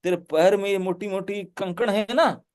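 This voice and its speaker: A man's voice: sits high, fairly even intonation, moderate pace, darkish tone, lightly acted. A man voicing a frightened little boy god who pleads with his mother in lisping baby talk. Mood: whining.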